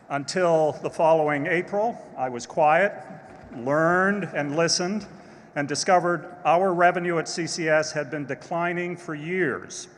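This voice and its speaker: Board chair, male, slightly raised pitch, measured formal delivery, reverberant hall. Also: fairly bright tone. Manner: measured, with occasional fillers. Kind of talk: formal speech. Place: large event hall. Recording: long hall reverb, faint noise.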